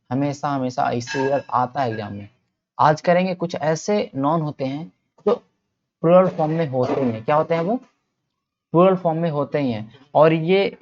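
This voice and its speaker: A man's voice: medium pitch, darkish tone, lo-fi sound. A man teaching English grammar for exam prep, putting questions to the class, answering them himself, and repeating each key point. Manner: repeats points and reads example sentences slowly.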